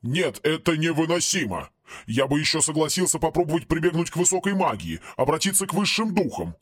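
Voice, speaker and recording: A man reads an audiobook, voicing an exasperated, sarcastic male investigator who scolds everyone around him. His fairly high voice is very animated and fairly quick, recorded in clean studio sound with no echo.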